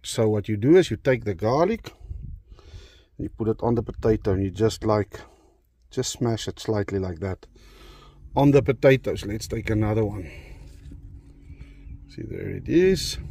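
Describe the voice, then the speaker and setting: A man's voice: lowish voice, a little mellow. A man with a southern African accent giving a casual, informal cooking demonstration as a vlog host, talking in short simple phrases. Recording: clear background noise with clicks.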